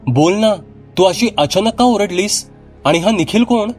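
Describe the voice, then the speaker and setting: A man's voice: high-pitched, lively intonation, a little slow, darkish tone, faint music behind, pitched above the performer's own voice. A man voicing a worried young friend who presses with questions in a raised voice. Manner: pressing, concerned.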